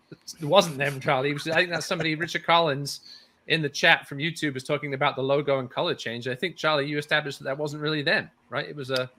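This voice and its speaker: A man's voice: fairly high pitch, pushed and bright. A man hosting a casual rugby talk show, chatty and rambling, with lots of restarts. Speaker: podcast host.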